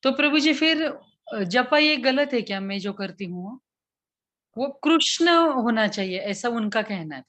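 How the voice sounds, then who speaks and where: A woman asks a question in a class, speaking politely and haltingly, with pauses. Her voice is fairly high. The audio is muffled and lo-fi. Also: lively intonation, a bit bright. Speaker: student asking a question.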